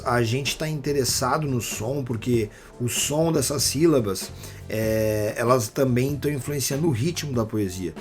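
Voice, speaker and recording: A man with a Brazilian Portuguese accent teaching a casual online rap workshop, explaining things in a relaxed, slangy way with lots of fillers. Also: mid-range voice.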